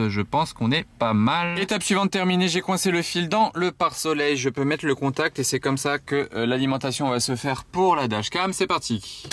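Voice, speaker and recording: A man's voice: medium pitch, fairly bright tone. Male vlogger, casual and upbeat, talks straight to camera from the driver's seat, mid-range voice. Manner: chatty and upbeat, addresses viewers directly. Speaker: car-spotting vlogger. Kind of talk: casual vlog with product demo. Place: inside a car.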